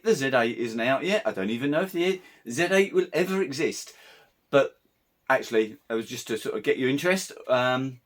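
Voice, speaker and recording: A man with a slightly croaky voice, a wedding photographer giving a casual, meandering camera review vlog. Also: mid-range voice. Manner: conversational, meandering.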